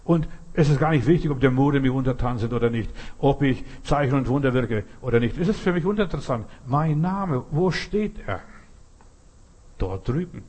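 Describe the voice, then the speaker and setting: A man's voice: mid-range voice, lively intonation, moderate pace, a little mellow. A man preaching a sermon, talking straight to his listener in short, emphatic, repeated phrases. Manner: earnest, direct address to listener.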